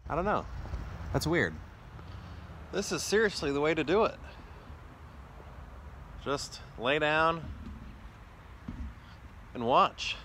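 A man in his forties vlogs casually about watching the sky in a residential backyard, holding his phone at arm's length. His fairly high voice is expressive and slow, with frequent pauses, as he muses tentatively and often trails off mid-thought. Outdoor ambient noise comes through clearly.

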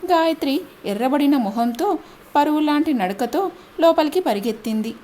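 A woman narrating an audiobook-style story with a steady, expressive reading. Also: high voice, moderate pace, a little hiss or hum.

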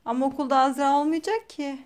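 A woman's voice: high-pitched, fairly even intonation, quick pace, darkish tone. A young mother chatting playfully with her toddler, asking teasing, sing-song questions for a family vlog.

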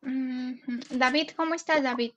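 Una mujer joven que transmite en directo un juego, charlando de forma juguetona y leyendo en voz alta los nombres de su chat. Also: female voice, sits high, steady tone, a little slow, fairly bright tone, muffled recording, a little hiss or hum. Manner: chatty, playful, greets viewers and reads chat names aloud. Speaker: gaming live streamer. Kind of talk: casual live stream chat.

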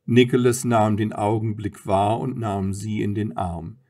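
Male audiobook narrator, calm and measured. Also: lowish voice. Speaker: audiobook reader. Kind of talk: scripted narration.

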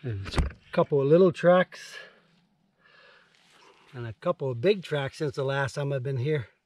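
An older outdoor vlogger from Newfoundland, speaking Newfoundland English, narrates his cabin chores plainly and matter-of-factly in a casual vlog. He holds an action camera at arm's length outside. His mid-range, darkish voice keeps a measured pace with no echo.

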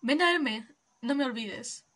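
A woman's voice: sits high, animated, takes it slowly, a bit bright, full character voice. A woman reading out the lines of a laid-back hippie male traveler from a video game, in a rambling, playful manner. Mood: easygoing.

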